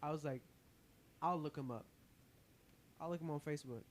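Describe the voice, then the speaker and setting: A man's voice: fairly high pitch, moderate pace. A man co-hosting a podcast, telling a story in an exasperated, heavily profane way. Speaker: podcast co-host. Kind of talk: casual storytelling. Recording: faint background noise.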